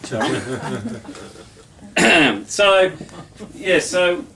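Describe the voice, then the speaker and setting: A man's voice: high-pitched, sing-song, very slow, sharp tone, far from the mic. A man in his fifties, reading a poem and then chatting in a rambling way, full of restarts and chuckles. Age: 50s. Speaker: poet. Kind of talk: poetry reading then casual chat. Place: his home.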